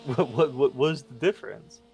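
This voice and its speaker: A man's voice: mid-range voice, moderate pace, creaky, a little mellow, breathy edge. A man co-hosting a podcast in casual chat, rambling as he reads his notes aloud. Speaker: podcast co-host.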